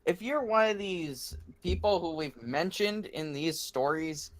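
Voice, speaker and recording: A man's voice: a little high, expressive, a little slow, no echo. A man hosting a casual podcast, talking hesitantly with many fillers. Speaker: podcast host.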